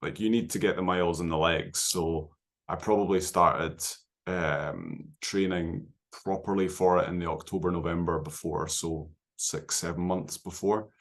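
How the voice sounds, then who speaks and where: A man speaking as a podcast guest, telling stories in a relaxed, animated way and often ending points with "right?". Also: low-pitched, moderate pace. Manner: animated storytelling, frequent "right?" tags. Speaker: podcast guest, endurance runner. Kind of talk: casual conversation.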